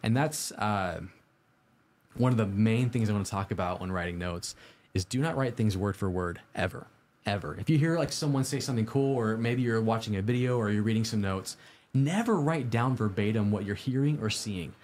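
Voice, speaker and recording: A man's voice: fairly low pitch, normal speed, a little mellow. A man hosting a casual livestream, giving upbeat, tidy advice in an informal, conversational way straight to viewers. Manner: informal, conversational, posing questions to the audience. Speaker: host of a live-streamed IT study show.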